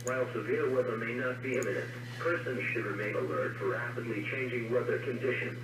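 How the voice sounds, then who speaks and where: A synthetic-sounding male voice heard over a weather radio, reading a weather alert in a clipped, even machine delivery. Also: medium pitch, a little fast, recorded from a distance. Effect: heard over a weather radio receiver. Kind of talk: automated weather bulletin reading. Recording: echoey, noisy radio heard from afar.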